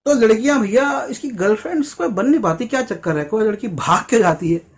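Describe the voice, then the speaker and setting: A man with a fairly high voice teaches English grammar to his viewers. He breaks each phrase into single words and says them slowly and deliberately. Now and then he acts out a short everyday scene in a lifted voice. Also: animated. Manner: explains slowly, repeats English phrases word by word; acts out little quoted scenes with a raised voice. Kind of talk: Hindi-language English grammar lesson.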